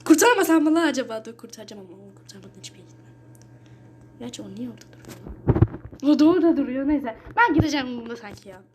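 A young woman commenting casually on her own gameplay, excitable, muttering and whispering to herself between sudden yells and shrieks when she is chased. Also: high voice, racing, slight background noise. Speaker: gaming channel host.

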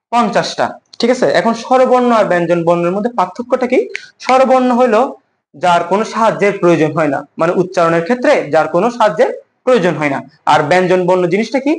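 Young man, high voice, lecturing students with self-answered questions. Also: slight background noise. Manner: asks questions and answers them himself; repeats key words slowly for emphasis. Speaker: teacher. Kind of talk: classroom lecture.

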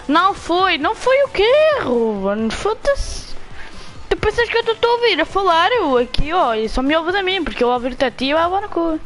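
A young woman with a European Portuguese accent gives live commentary on her own game, taunting other players and swearing in excitable outbursts. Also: extremely high pitch, normal speed, faint music behind, low-quality recording. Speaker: gamer streaming own play.

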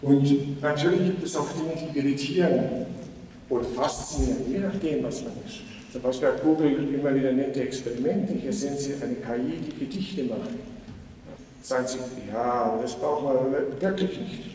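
A man's voice: medium pitch, moderate pace, mellow. Male keynote speaker, earnest and persuasive, long-reverb hall with faint background noise. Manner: earnest, persuasive, with rhetorical questions to the audience. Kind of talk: conference keynote talk. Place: large conference hall. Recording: echoey hall, voice from far off.

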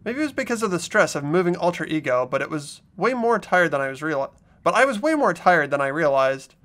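A performer plays an earnest, easily startled teenage schoolboy who narrates and speaks in a visual novel dub, here in subdued narration. The voice is mid-range and a bit bright, brisk, with big pitch swings, over background game music.

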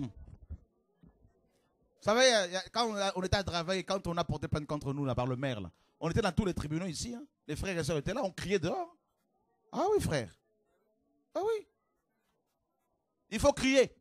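A man preaching a fiery sermon to a congregation, with shouted exclamations and rhetorical questions. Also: a little high, lively intonation, normal speed, long pauses, no room sound, clean studio sound.

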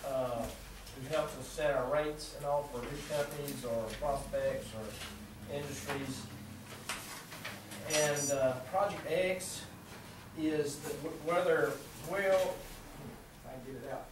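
A city utility official with a Southern American accent presents a proposal to a town council in a fairly high, steady voice, halting and full of fillers and restarts. A far-off room camera mic picks him up across a small meeting room, so the sound is echoey with background noise.

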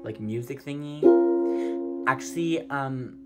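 A man's voice: mid-range voice, slow pace, loud music behind the voice. A man vlogging in a casual, rambling and self-mocking way, giggling and getting distracted. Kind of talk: casual vlog chat.

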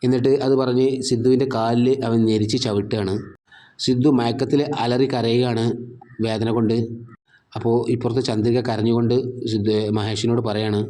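Man, storyteller, mellow voice, steady serial recap. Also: medium pitch, fairly quick. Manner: plain, steady narration. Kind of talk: retelling a TV serial episode.

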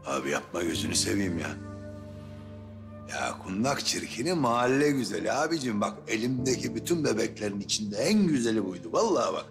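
A man's voice: fairly low pitch, very animated, brisk, vocal fry, music in the background. An actor playing a young street hustler, coaxing and pleading with an older man to strike a deal. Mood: wheedling.

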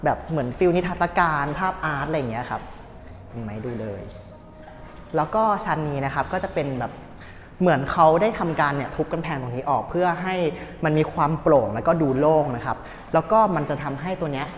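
Walking through an indoor cafe in an old shophouse, a young host chats casually to the camera in a brisk, fairly high voice, upbeat and polite like a tour guide. The clip-on lapel mic keeps him close, with a faint hum of background noise.

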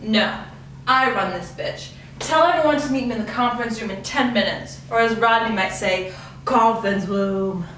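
Ruthless insulting female editor, acted by a woman, bossy, slightly high voice, noisy background. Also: normal speed, a bit bright, close to an everyday voice. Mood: scornful. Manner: mocking, bossy, crude insults. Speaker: assistant editor. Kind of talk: student short-film acting. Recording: echoey room, mic far off, noisy.

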